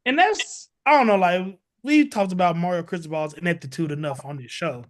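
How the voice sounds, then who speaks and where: A man's voice: sits high, a little fast. A man hosting a casual sports podcast, rambling through his points with many "you know" and "like" fillers.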